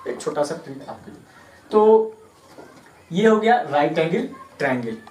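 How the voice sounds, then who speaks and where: A man's voice: on the high side, lively intonation, unhurried, a little mellow. A man from Bihar teaching a maths lesson at a board, patiently repeating terms and spelling words out letter by letter. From Bihar, India. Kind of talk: classroom lesson explaining at a board. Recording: echoey room, voice from a distance.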